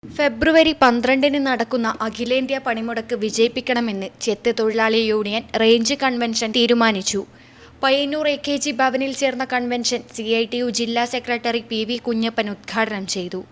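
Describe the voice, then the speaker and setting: A woman newsreader reading local news in a formal, measured delivery. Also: a little high.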